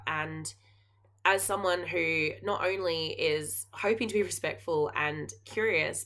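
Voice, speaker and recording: With a low, fairly bright voice, this Australian geography teacher and knitting podcast host talks casually and earnestly to the camera. She fills her speech with lots of ums and likes.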